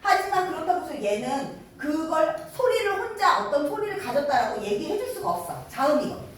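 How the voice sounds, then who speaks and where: A woman teaching a middle school grammar lesson, lively and coaxing, checking in with her students again and again. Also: high-pitched, a little fast, slight background noise. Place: classroom. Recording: echoey classroom, mic far off.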